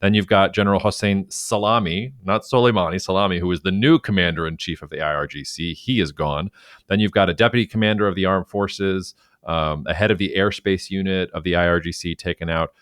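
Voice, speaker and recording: A podcast co-host with a low voice talks a little fast through current affairs in a loose, chatty discussion, full of fillers and restarts. He gets animated when quoting, and the studio-quality audio has no room sound.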